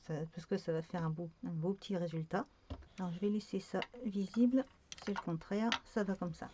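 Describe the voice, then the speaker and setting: A woman's voice: mid-range voice, warm tone, highs cut off. A woman talking through a card-making tutorial in a casual, hesitant way, with many fillers and self-corrections.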